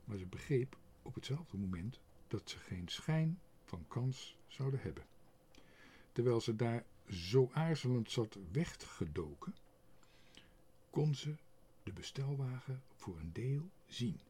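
A man reading a children's book aloud, expressive and sometimes dropping to a whisper. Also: mid-range voice, slow, slightly rough. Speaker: narrator.

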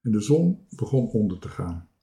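A man reading a children's story aloud, slowly and with lively expression, putting on high voices for the characters. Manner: slow, lively storytelling with restarts. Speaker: reader of a children's book.

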